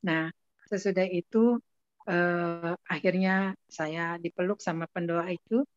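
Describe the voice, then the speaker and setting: A woman's voice: on the low side, slow pace. Woman telling her faith testimony. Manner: lively storytelling with frequent laughs. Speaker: testimony guest. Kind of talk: casual spoken testimony. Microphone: video call. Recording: muffled dry video-call audio.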